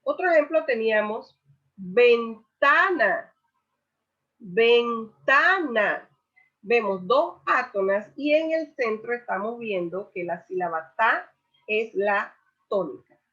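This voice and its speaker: Slow-paced woman teaching a lesson. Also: a little high, expressive, husky. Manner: stresses example words loudly and repeats them. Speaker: Spanish teacher. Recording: dull lo-fi recording.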